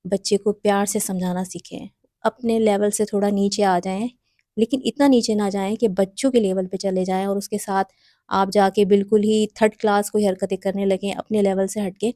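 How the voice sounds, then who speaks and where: Warm-voiced woman giving earnest parenting advice. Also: medium pitch, fairly even intonation, no room sound, clean studio sound. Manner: earnest, instructive, addresses viewers directly. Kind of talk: direct advice talk to mothers.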